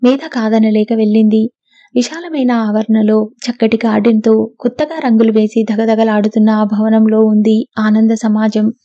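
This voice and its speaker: A woman narrating a novel as an audiobook, in steady, even storytelling. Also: fairly high pitch, dry recording. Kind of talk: scripted narration. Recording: dull, dry lo-fi recording.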